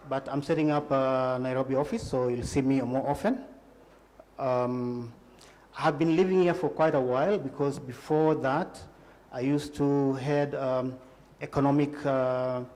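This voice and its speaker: A man's voice: mid-range voice, darkish tone. Tanzanian man introducing himself. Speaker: panelist. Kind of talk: self-introduction on a panel. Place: conference hall.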